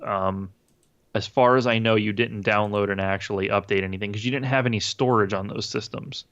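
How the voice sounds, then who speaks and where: A low-voiced man with a gravelly edge co-hosts a casual gaming podcast, rambling through his points with plenty of fillers, restarts and swearing. His voice comes through a dull, lo-fi remote recording. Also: fairly even intonation, a little fast, fairly bright tone. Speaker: podcast co-host.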